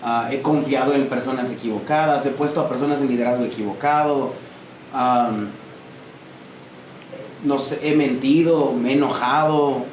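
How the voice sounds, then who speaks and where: A man giving an emphatic, animated church talk, speaking straight to his listeners. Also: mid-range voice, moderate pace. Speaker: preacher. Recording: echoey church room with noise.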